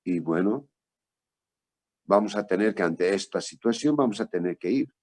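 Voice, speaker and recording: A low-voiced man gives a traumatology lecture. He tells a patient case in a relaxed, conversational way and asks for the next slide. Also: normal speed, husky.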